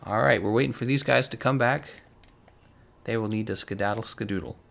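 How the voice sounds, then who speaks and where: A man casually chatting on a live game stream, reading out and answering viewer comments in a relaxed, chatty way. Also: fairly low pitch, brisk, gravelly.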